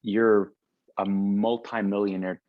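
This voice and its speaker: Middle-aged guy with a lowish voice chatting casually, rambles and restarts a lot, dry sound. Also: level tone, takes it slowly, dry recording, narrow, tinny audio. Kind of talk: casual conversation about baseball.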